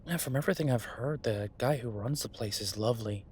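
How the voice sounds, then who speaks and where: At a middling, slightly mellow pitch, a man plays an easygoing chef in a lightly acted roleplay audio drama. His conversational monologue to the listener is casual, enthusiastic, earnest and reassuring, delivered in halting phrases as if to a close partner. Noticeable ambient sound effects run behind him.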